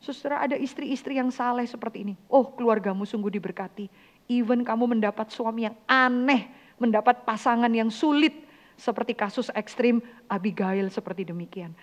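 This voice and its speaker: A woman's voice: fairly high pitch, normal speed. A woman vicar preaching a sermon in an earnest way, acting out the voices she quotes.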